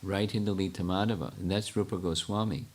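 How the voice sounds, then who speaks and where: An older man with a low voice answers questions from his audience in a lecture. He speaks haltingly, stops often and restarts his sentences while he thinks aloud. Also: steady tone, darkish tone. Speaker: spiritual teacher answering questions.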